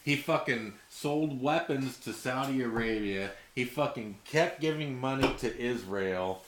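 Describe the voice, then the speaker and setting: A man rants casually about his opinions, crude and profane, in a casual argument. His voice sits at a medium pitch in an echoey room, with slight noise around it. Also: a little slow. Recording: echoey room, noisy background, clicks.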